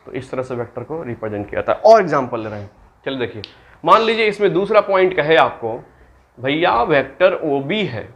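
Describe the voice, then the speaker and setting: Man teaching maths, fairly high voice. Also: sing-song, fairly quick. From Bihar, India. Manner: asks students questions and answers them himself; mixes English terms into Hindi. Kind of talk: classroom lecture.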